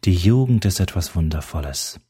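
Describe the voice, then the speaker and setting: A man's voice: low voice, lively intonation, moderate pace, dark tone, husky, heavily acted. A man reading an audiobook who voices a cheeky, brash young woman with mocking sass. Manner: mocking, gum-chewing sass. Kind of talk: audiobook character voice.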